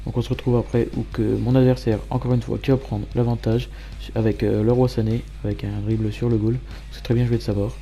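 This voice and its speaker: Flat, dark-voiced man commentating football gameplay. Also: medium pitch, fairly quick, hardly any pauses. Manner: matter-of-fact play-by-play in present tense. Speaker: gamer narrating his match highlights.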